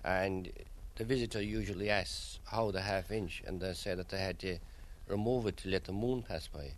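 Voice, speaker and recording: A man with a Kerry Irish accent, answering interview questions as a local guide with measured, storytelling delivery. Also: low-pitched, a little hiss or hum. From County Kerry, Ireland.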